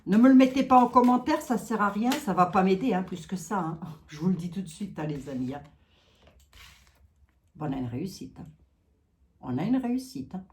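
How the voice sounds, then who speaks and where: A woman's voice: fairly low pitch, animated, moderate pace, pauses often. A French-speaking woman doing a card reading, chatting casually with her viewers and filling her talk with asides. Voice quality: chatty, talks to viewers, many asides and "hein". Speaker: card reader.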